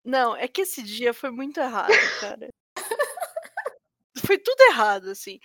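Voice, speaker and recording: A woman's voice: a little high, moderate pace, no echo, studio quality. A young woman, telling funny stories in a casual slangy chat among friends. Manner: animated storyteller, slangy.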